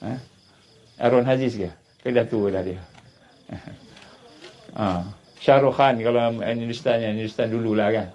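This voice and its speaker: A man's voice: medium pitch, steady tone, measured pace, pauses often. Emotional Malaysian Malay preacher, man. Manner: emotional storytelling, rising to loud emphatic peaks. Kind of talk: sermon with retold story. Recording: dull lo-fi recording.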